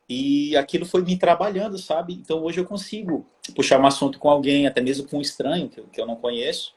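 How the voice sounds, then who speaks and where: Upbeat Brazilian co-host man. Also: fairly high pitch. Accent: Brazilian Portuguese. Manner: upbeat, thanks viewers by name. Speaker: live stream co-host reading questions. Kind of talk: live stream hosting.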